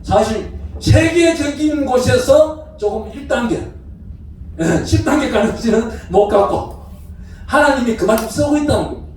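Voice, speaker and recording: A man, a pastor, preaching a lively sermon with shouted call-and-response to his congregation. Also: very high-pitched, unhurried, slight background noise. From Gyeongsang region, South Korea. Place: church sanctuary. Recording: roomy echo from far off the mic.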